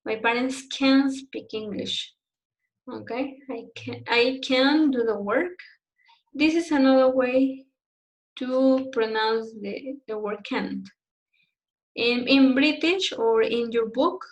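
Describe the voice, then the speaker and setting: A fairly high-voiced woman teaching a beginner grammar lesson. She explains patiently and slowly and keeps checking with her learners. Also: poor audio. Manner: slow explanatory delivery with frequent "okay?" checks. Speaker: English teacher.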